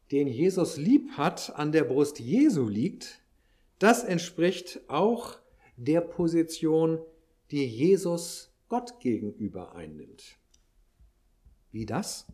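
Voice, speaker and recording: Male preacher, sermon delivery, unhurried, explains with dry asides. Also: fairly high pitch, mellow. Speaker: pastor.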